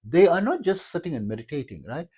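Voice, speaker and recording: A man with a South African accent talks through spiritual ideas without a script. His pitch moves about in a lively way, and he rambles with many "uh"s and restarted phrases. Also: fast, breathy edge. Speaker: yoga teacher. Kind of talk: unscripted spiritual talk.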